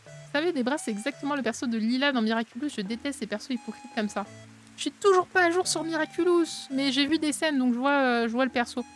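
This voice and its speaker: Expressive lady chatting over her game stream, kinda high-pitched, soft game music in the background. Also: quick pace. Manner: chatty and expressive, mocking other characters in exaggerated high tones. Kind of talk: casual let's-play commentary, reading game dialogue aloud. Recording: faint game music underneath.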